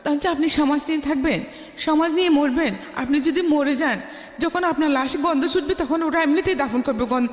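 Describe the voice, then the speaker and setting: In a high-pitched voice at a moderate pace, a middle-aged woman with a Bangladeshi accent shares her life story on a radio interview. She speaks emphatically, bringing remembered dialogue to life. The recording is in an echoey room with lengthy reverb.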